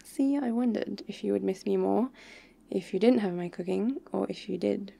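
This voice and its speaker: A woman playing an affectionate, pouty young girlfriend in an intimate, soft ASMR role-play for ASMR. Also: medium pitch, creaky, husky. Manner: intimate soft voice dropping into speaks softly, slow and tender.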